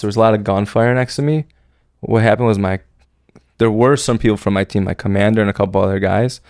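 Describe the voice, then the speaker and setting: A man with a low voice tells a story as a podcast guest, rambling and loose with slang. His voice is gravelly and heavy with fry. The sound is close and dry, with no room echo. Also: darkish tone. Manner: slangy, rambling, full of "like" and "bro". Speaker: podcast guest recounting military service. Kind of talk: casual storytelling.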